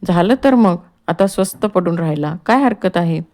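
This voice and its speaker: A woman's voice: fairly low pitch, lively intonation, moderate pace, darkish tone, lightly acted. A woman reading the part of a male doctor who firmly tells his patient to rest. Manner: firm, admonishing. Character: calm male doctor, firm, reassuring.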